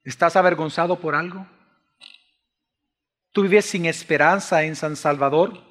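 A man preaching a sermon, swinging between hushed pleading and raised, emphatic preaching. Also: a little high, measured pace. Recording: long reverb of a large hall.

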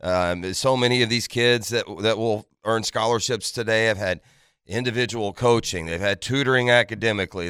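A man's voice: on the low side, a bit bright, clear, resonant tone, no room sound, studio quality. A man hosting a morning sports radio show, talking in an earnest, emphatic, conversational way straight to his listeners. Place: radio studio. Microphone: close studio microphone.

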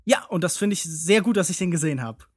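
A man's voice: high-pitched, expressive, quick pace, husky, no echo. Articulate male film critic, close dry sound. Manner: intellectual, elaborate phrasing. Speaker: film podcast panelist. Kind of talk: analytical film discussion.

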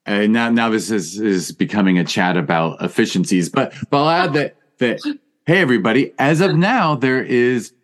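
A man hosting a podcast in a casual, conversational interview style. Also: mid-range voice. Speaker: podcast host.

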